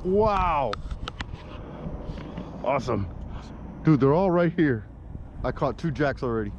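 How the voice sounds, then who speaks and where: A young man giving excited running commentary while fishing from a kayak outdoors, recorded on an action camera. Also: fairly high pitch, slow pace, muffled recording, background noise. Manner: excitable, exclaiming, talks to viewers. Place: kayak on open shallow water outdoors. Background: music.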